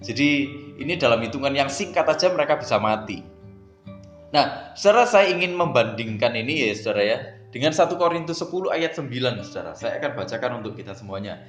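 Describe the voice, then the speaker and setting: A man preaching a sermon, often turning to address his listeners and swinging between soft and loud emphasis. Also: mid-range voice, animated, brisk. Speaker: pastor. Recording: echoey room with faint guitar music.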